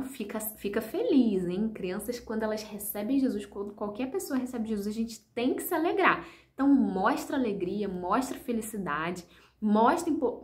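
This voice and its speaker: Woman at a middle pitch, patient teacher of children's ministry, speaks straight to viewers, encouraging, filler-heavy. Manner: patient, explanatory, with many fillers; addresses viewers directly, encouraging. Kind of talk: instructional video talk.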